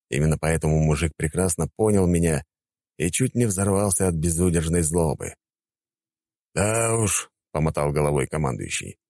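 A man narrating an audiobook in the first person, wry and expressive. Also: extremely low pitch, dry recording, clean studio sound.

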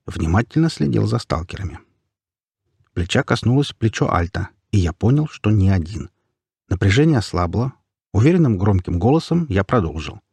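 A man narrating an audiobook in the first person, expressive in his storytelling. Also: on the low side, normal speed, vocal fry, slightly rough, no room sound.

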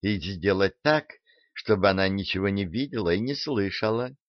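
A man voicing a calm female angel leader who speaks softly and placatingly. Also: lowish voice, moderate pace, no echo, lightly acted. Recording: dull, dry audiobook recording.

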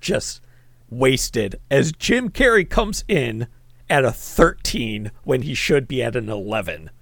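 A man co-hosting a casual movie-review podcast, animated and quick to react. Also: mid-range voice, gravelly, no room sound. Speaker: podcast co-host.

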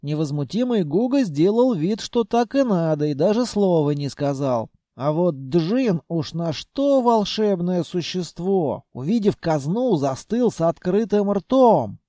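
Brief: man reading a fantasy audiobook, measured and wry, unhurried, dry studio sound. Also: high-pitched, expressive, mellow, no room sound. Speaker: audiobook narrator. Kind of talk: audiobook narration.

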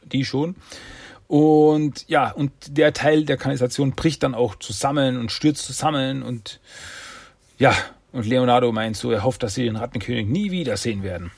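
A man's voice: medium pitch, normal speed, vocal fry, a little mellow, husky, dry recording, studio quality. A man recapping a cartoon episode in a rambling, chatty way. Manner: rambling, chatty, acts out voices. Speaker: host.

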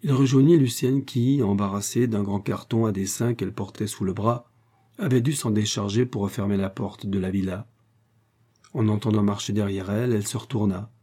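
A man narrating a novel in a steady, measured reading. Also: lowish voice. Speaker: audiobook narrator. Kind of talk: scripted narration.

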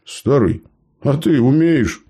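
A man voicing the calm, persuasive leader of a band of dark elves in an audiobook. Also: medium pitch, takes it slowly, husky, voice pushed up.

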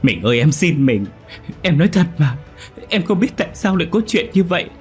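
A man's voice: a little high, big pitch swings, a little fast, faint music behind, voice pushed up. A man voicing a terrified young pregnant wife who begs tearfully for mercy. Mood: desperate pleading. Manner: tearful begging.

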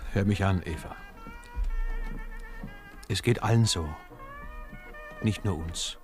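An actor playing a gruff, blunt grown man in a radio play, speaking plainly and bluntly. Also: sits low, slow pace, music in the background. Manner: blunt, lively intonation.

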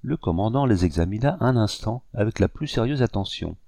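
Guy reading a novel aloud, steady and measured, low dark voice, dry close sound. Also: vocal fry, no room sound. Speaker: audiobook narrator. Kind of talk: scripted narration.

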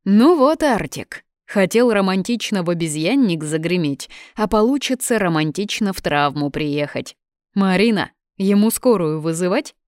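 A woman's voice: on the low side, expressive, normal speed, darkish tone, dry recording, clean studio sound, close to an everyday voice. A woman voicing a cheerful, wry male police detective who mocks lightly. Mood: amused. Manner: jovial, mocking.

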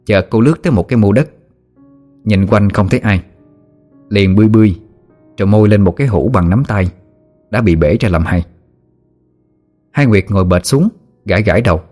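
Một người đàn ông giọng miền Nam kể truyện ma dân gian như sách nói, giọng mộc mạc, sinh động. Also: male voice, lowish voice, a little fast, long pauses, darkish tone, faint music behind. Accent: Southern Vietnamese. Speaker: storyteller. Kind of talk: audiobook narration.

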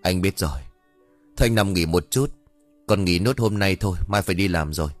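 A man voicing a calm young husband, talking plainly and easily. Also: low-pitched, brisk, dry recording, faint music behind, close to an everyday voice. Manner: plain, easygoing.

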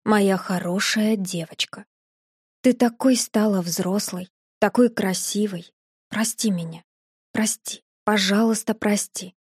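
A gentle, remorseful young man speaks low and tenderly, as a woman reader voices him. The tone is mellow and dark, and the recording is close and dry, with no room around it. He sounds protective and quiet rather than forceful. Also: fairly even intonation, slow pace, breathy edge, no room sound.

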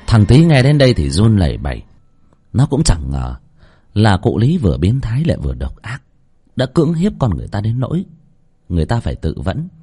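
A man narrating a horror story in an expressive, dramatic way. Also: fairly low pitch, slightly rough.

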